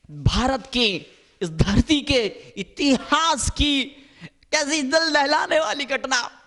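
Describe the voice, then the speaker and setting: A man's voice: extremely high pitch, fairly bright tone. A male monk giving an impassioned sermon, telling an emotional story. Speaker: Jain monk preacher.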